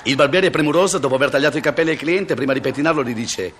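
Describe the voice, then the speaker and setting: A man's voice: on the high side, very fast, fairly bright tone, slight background noise. A man, a comedian, telling jokes and laughing at his own jokes.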